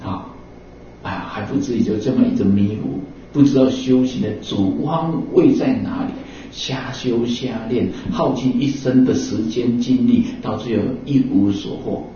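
A man's voice: mid-range voice, moderate pace, dark tone, a little hiss or hum. A man giving a Buddhist sermon in a conversational way, full of fillers and acted-out exchanges. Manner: conversational, acts out little dialogues, many fillers like 啊 and 哦. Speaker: Buddhist dharma teacher. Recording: roomy echo from a distant, dull mic.

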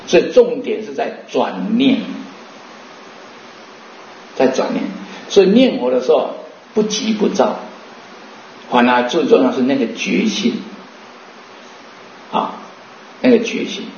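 A man's voice: medium pitch, very animated, a little mellow, a little hiss or hum. Man giving a roomy dharma talk. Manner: rhetorical questions, slow chanting demonstrations. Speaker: Buddhist teacher. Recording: roomy, muffled recording.

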